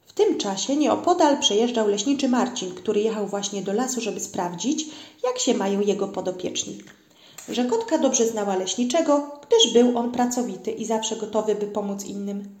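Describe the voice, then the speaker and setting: A woman narrating a children's storybook in a gentle storytelling manner, in a roomy-sounding recording. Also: mid-range voice, expressive, moderate pace. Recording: roomy echo.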